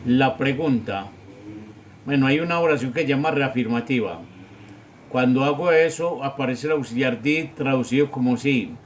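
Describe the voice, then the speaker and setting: A man giving a grammar lesson as a teacher, explaining step by step and often checking with a quick question. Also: medium pitch, a little hiss or hum. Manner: slow, patient, checks with "¿sí?". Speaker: English teacher.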